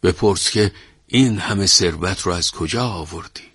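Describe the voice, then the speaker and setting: A man doing a hushed, scheming old merchant. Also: sits low, breathy edge, dry recording, studio quality. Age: older. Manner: hushed, conspiratorial.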